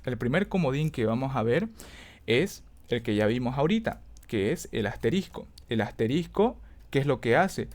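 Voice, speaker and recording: A man's voice: medium pitch, big pitch swings, moderate pace, darkish tone. A man teaching a database lesson over a screen recording, explaining step by step, thinking aloud, correcting himself and often checking that students follow.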